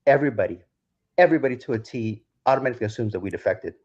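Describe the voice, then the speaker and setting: A Ukrainian DJ, guesting on a podcast, rambles through a long story with many restarts in a casual interview. His medium-pitched voice is husky and darkish, expressive and racing. The lo-fi recording sounds dull.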